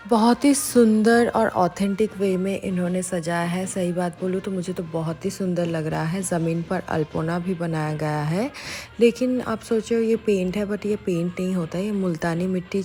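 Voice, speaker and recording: A woman's voice: on the low side, warm tone. A woman from India narrating a vlog in a casual, chatty way, switching between Hindi and English. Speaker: vlogger.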